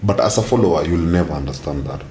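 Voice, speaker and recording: A man's voice: low-pitched, fast, warm tone. A man with a Kenyan accent in casual group banter, swearing freely and mixing Swahili with English. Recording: echoey room with faint noise.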